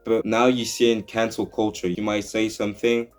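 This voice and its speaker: Young man, low-pitched YouTuber; earnest opinion vlog, restarts often, soft music under. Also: flat delivery, normal speed.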